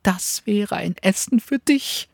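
A man's voice: high voice, vocal fry, no room sound, clean studio sound, pitched above the performer's own voice, full character voice. A man voicing a small, skinny, crafty male dog who yaps and wheedles. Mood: tempting. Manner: yapping, fast and wheedling.

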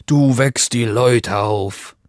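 A hungry, gruff wolf grumbles in a slow, low voice, as a male storyteller puts him on. The sound is close and dry, like a storybook read aloud. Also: no echo.

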